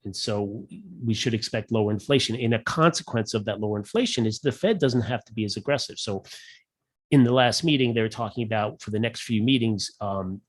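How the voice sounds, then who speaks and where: A man's voice: medium pitch, dry recording. A man talks through a weekly market outlook in a loose, unscripted way. He stops and restarts often and fills gaps with ums and uhs. His voice sits in a middle range and sounds dry and close. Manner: rambling, halting, with many fillers and restarts. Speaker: market commentary host. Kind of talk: casual market commentary.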